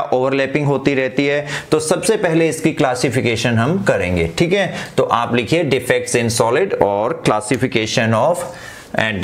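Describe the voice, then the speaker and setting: A man teaching chemistry. He mixes English terms into Hindi, often checks in with his students and dictates headings slowly. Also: mid-range voice. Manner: slows right down to dictate headings. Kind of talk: online class lecture.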